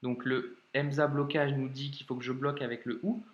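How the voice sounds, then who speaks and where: A man teaching Arabic reading in an informal video lesson, speaking directly and encouragingly to the learner and slowly sounding out each word. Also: medium pitch, flat delivery, echoey room, lo-fi sound. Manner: slows down to sound out words carefully.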